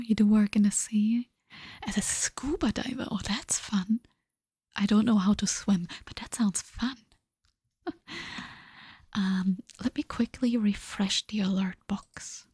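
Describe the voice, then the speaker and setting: Sleepy, breathy young woman murmuring softly. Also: medium pitch, fairly even intonation, moderate pace, no echo, clean studio sound. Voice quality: soft, breathy, often whispered. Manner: sleepy, just woken up. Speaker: livestream host. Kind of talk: casual chat in a soft ASMR whisper.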